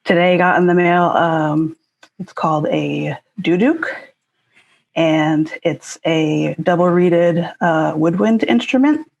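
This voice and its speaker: A woman from Connecticut, a guest musician chatting casually on a live stream, hesitant with many fillers and soft laughs. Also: lowish voice, slow pace, vocal fry, muffled recording.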